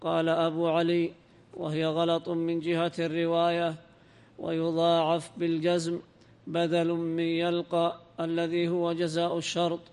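A man reading a classical commentary aloud in a lesson, in a measured, even recitation. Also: on the high side, clean tone, long reverb tail. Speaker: reader of the text in a lesson.

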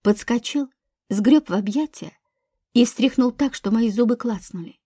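Husky-voiced woman narrating an audiobook. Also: fairly high pitch, unhurried, mellow, dry recording, studio quality. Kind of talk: first-person audiobook narration.

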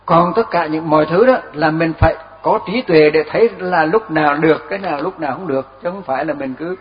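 An older Buddhist monk giving a relaxed dharma talk, telling stories with chuckles and repeating his words as he goes. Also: a little high, brisk, faint music behind. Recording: dull lo-fi recording.

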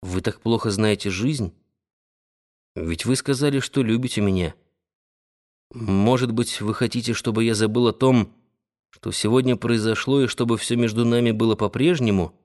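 A man reading the lines of a confident wealthy financier, speaking softly and persuasively. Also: medium pitch, moderate pace, natural voice. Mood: coaxing. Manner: soft, gently persuasive. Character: confident wealthy male financier, tender and coaxing.

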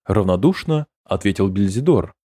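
Lively low-voiced male narrator. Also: moderate pace, breathy edge, no echo, clean studio sound. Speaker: audiobook narrator. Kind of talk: scripted narration.

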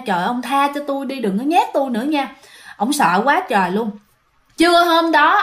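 Woman, Southern Vietnamese accent, high voice, chatty ghost-story narration, talks to listeners. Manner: chatty, addresses listeners often. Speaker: storyteller and channel host.

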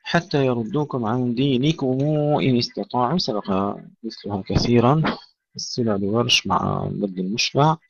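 A man with a gravelly, husky voice teaches recitation rules, intoning short verse phrases slowly and then explaining each sound carefully. The recording is dry and dull, like a lo-fi close mic. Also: medium pitch, animated, no room sound. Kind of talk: tajweed lesson.

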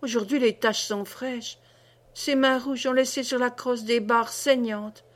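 A woman's voice: a little high, steady tone, measured pace, lightly acted. A woman reading the part of a raving, cursing mad old woman in an audiobook. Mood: childlike. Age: older. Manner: raving, sing-song, cursing.

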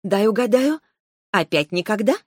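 A woman's voice: medium pitch, lively intonation, moderate pace, no echo, clean studio sound, voice pushed up, close to an everyday voice. A woman voicing a stubborn young heroine who answers back sharply in an audiobook. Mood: defiant. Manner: defiant, sharp-tongued.

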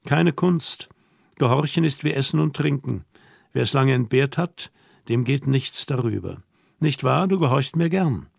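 A man reading an audiobook voices a young woman who teases and orders her companion about, asking brisk, mocking questions. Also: mid-range voice, animated, gravelly, no echo, studio quality, exaggerated voice. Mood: teasing. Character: young woman, teasing, bossy and self-assured. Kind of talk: audiobook dialogue.

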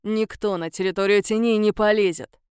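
A stern, uncompromising matriarch, played by a woman reader in an audiobook. She lays down the law in slow, clipped, measured phrases over a dry recording. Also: mid-range voice, steady tone, a little mellow, clean tone, no room sound, close to an everyday voice. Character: stern uncompromising elder woman leader Katerina.

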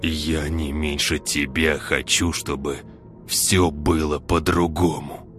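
A man voicing a calculating gang boss who speaks in a slow, measured, menacing drawl. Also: low voice, over music. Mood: cold.

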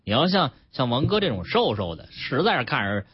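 A man's voice: mid-range voice, sing-song, brisk, husky, no room sound, lo-fi sound. A man hosting a radio talk show, chatting and teasing in a casual voice. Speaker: radio host. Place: radio studio. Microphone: studio mic.

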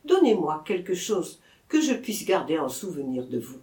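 A woman's voice: sits low, very animated, moderate pace, a little mellow, voice pushed down. A woman reader voicing an emotional young woman who pleads with the man she loves, in an echoey room.

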